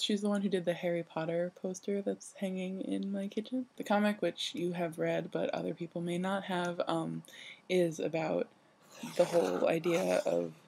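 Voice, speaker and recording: A young adult woman who just woke up, talking in a sleepy, casual vlog style, rambling haltingly and self-deprecatingly with a husky, creaky voice. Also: fairly low pitch, warm tone, slight background noise. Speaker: vlogger. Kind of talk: casual personal vlog monologue.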